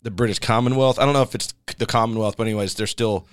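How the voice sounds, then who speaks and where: A man's voice: lowish voice, fairly even intonation, fast talker. A middle-aged man hosting a casual podcast chat, joking and rambling, with a habit of telling puns.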